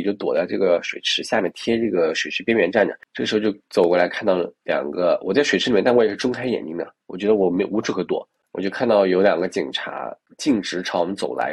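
A male podcast host tells stories in a relaxed monologue, full of restarts and asides to the listener. His voice sits low and a little husky. His pitch swings widely as he talks fast. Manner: restarts and fillers while recounting. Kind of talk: casual storytelling monologue.

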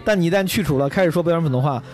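A man's voice: on the high side, racing, darkish tone. A man hosting a casual podcast chat, talking in a blunt, slangy way like a stand-up comedian off stage.

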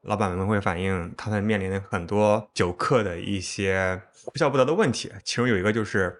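A man's voice: on the low side, brisk. A man interviewing in a casual, chatty style as the host of a conversation. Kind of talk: casual chat.

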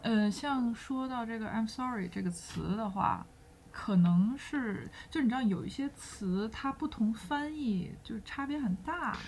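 A woman's voice: fairly high pitch, unhurried, a little mellow, slight background noise. Woman chatting reflectively on a podcast. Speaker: podcast co-host. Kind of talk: casual chat.

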